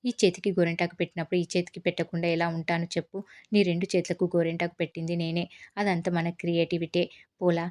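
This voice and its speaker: A woman reads a cocky young husband who teases his wife with mocking jokes. The voice stays low and level, heard as a storyteller's spoken recap. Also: level tone, quick pace, darkish tone, lightly acted. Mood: teasing. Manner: mocking, laughing.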